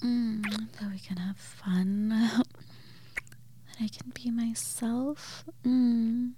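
A woman in an intimate whispered audio roleplay, speaking in a soft, breathy whisper with frequent playful giggles. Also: fairly high pitch, level tone, very slow, no room sound.

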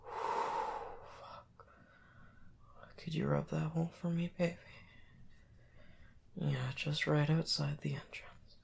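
A man performing an intimate audio roleplay, talking in soft whispers with drawn-out murmurs and sighs. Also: a little high, fairly even intonation, creaky.

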